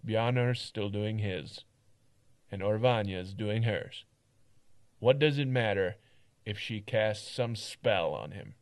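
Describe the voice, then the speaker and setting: A man voicing a gruff, dismissive miner. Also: lowish voice, takes it slowly. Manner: blunt, loud and scornful.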